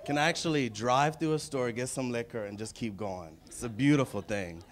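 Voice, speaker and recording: A man's voice: medium pitch, normal speed. A man, performing stand-up on a comedy club stage and telling brash, punchy stories. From Louisiana, USA. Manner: brash, storytelling, punchy asides.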